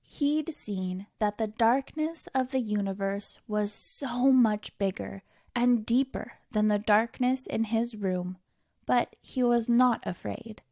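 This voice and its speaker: This woman, a storytime reader, has a fairly high voice with a darkish tone and reads a picture book aloud to young children. Unhurried and theatrical, she stretches important words and leaves dramatic pauses. The close, dry recording has no echo.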